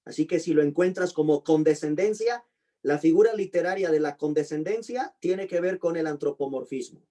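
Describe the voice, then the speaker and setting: A man with a mellow voice that sits a bit above the usual male range, teaching an online class. He says each term slowly and more than once, spells out the letters, and puts questions to his students. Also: on the high side. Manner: slow, deliberate spelling-out of terms. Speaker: pastor and teacher.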